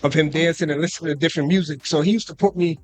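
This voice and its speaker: Rapid-fire and fairly high-pitched, a young US guest rapper riffs through a laid-back radio interview in a live concert booth, heavy on fillers and "you know what I'm saying." There's no room sound.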